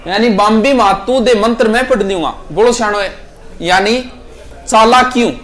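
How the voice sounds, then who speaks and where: High-voiced man with a Rajasthani accent, teaching. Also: moderate pace, fairly bright tone. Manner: chatty, repeats each proverb, mixes local dialect, jokes with the class. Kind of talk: classroom lecture explaining proverbs. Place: classroom.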